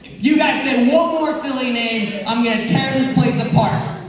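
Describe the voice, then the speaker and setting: Young man doing a flustered substitute teacher, echoey hall. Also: extremely high pitch. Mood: furious, flustered. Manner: flustered, exasperated, threatening, drawn-out name calling. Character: flustered, hot-tempered substitute teacher, veteran, easily riled. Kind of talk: live school assembly comedy skit. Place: large indoor school assembly hall. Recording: echoey hall, distant mic, long reverb.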